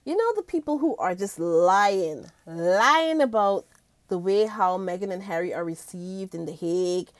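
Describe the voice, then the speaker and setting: A woman's voice: medium pitch, lively intonation, a little slow, no room sound. A woman vlogger talking casually to her viewers, chatty and gushing, often calling them guys. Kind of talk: casual commentary chat.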